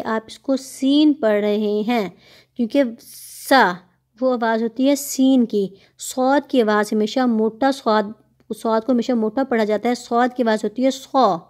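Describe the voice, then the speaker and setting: Pakistani woman teaching slow Quran recitation. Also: fairly high pitch, fairly even intonation, darkish tone. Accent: Pakistani Urdu. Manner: patient, explains letter sounds and demonstrates them. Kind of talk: tajweed lesson with slow recitation.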